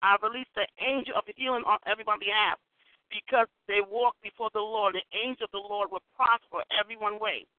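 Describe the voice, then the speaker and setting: A man's voice: sits high, steady tone, fairly quick, dry recording. A man leading an emphatic decreeing prayer on a conference call, heard over a crackly phone line that fades in and out. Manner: emphatic, repeats declare and decree. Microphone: phone held away from the mouth. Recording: tinny dry phone line.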